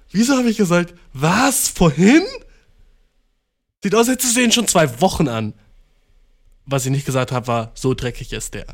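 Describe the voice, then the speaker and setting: Slangy young man telling a story. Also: fairly high pitch. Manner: rambling, slangy, self-mocking, swings between loud outbursts and mumbled asides. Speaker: podcast host. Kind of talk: casual storytelling monologue.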